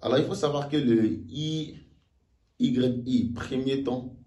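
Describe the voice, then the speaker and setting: A man teaching a casual online language lesson, chatty, repeating each example slowly and checking in with "ok?". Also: medium pitch, dark tone. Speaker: Mandarin teacher. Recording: roomy echo, voice a bit far from mic.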